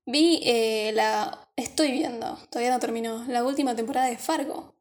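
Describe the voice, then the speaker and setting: A woman co-hosts a casual film podcast in Rioplatense Spanish. Her voice sits a little high. She rambles, restarts sentences and laughs easily. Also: steady tone, normal speed, slight background noise. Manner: chatty, laughs often, trails off mid-sentence. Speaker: podcast co-host. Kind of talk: casual chat.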